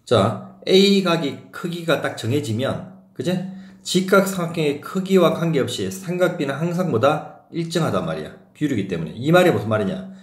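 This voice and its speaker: A man's voice: fairly high pitch, very animated, moderate pace, reverberant. A man teaching a math lesson, often asking questions to check that his students follow. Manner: questions the students, often asks if they got it. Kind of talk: classroom math lecture.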